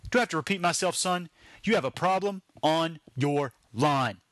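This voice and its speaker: A man voicing a gruff, bullying male factory boss who barks contemptuous orders. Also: fairly high pitch, expressive, moderate pace, a bit bright, dry recording, pitched above the performer's own voice. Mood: stern. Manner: barking, contemptuous.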